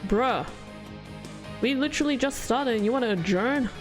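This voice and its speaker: Female game streamer, casual and self-deprecating, lively intonation, music playing behind her. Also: fairly high pitch, normal speed. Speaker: game livestreamer. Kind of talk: casual livestream commentary while reading game dialogue aloud.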